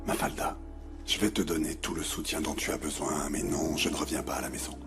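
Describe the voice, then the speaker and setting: An actor dubbing a detached father who is leaving his family, speaking flatly in a telenovela. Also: extremely low pitch, brisk, over loud music. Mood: cold.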